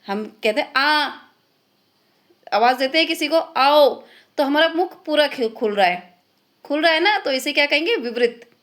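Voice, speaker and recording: A woman's voice: sits high, a bit bright. A woman teaching a grammar lesson, explaining step by step and often checking in with her students, mixing in phrases. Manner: explains step by step, keeps asking "ठीक है?", drops in English phrases. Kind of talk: classroom-style online lesson.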